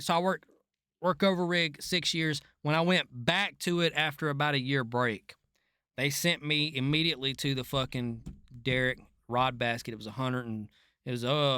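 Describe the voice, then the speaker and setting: Man, forceful bright tone, slightly high pitch, slangy swearing, casual storytelling, reaction host. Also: clear, resonant tone, no echo, clean studio sound. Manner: profane, folksy, slangy. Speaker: reaction video host, former oil rig worker. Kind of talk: casual unscripted commentary and storytelling.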